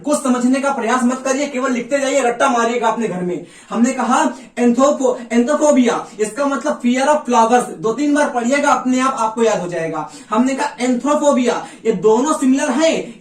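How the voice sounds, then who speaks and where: A man's voice: very high-pitched, reverberant, far from the mic. A male teacher leading an exam-prep vocabulary lesson, drilling words by repeating them and checking whether the class has understood.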